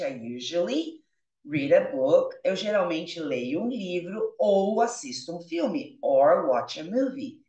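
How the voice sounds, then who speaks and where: A Brazilian woman teaching English, who reads each line slowly, then translates and explains it. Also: mid-range voice. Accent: Brazilian Portuguese. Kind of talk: explaining a dialogue, switching languages. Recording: roomy, from a distance.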